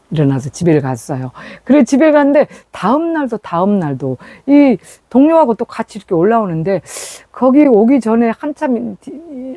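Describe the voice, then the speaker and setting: A woman's voice: mid-range voice, dark tone, no room sound. A woman preaching a sermon through a personal story, acting out the scenes as she tells them.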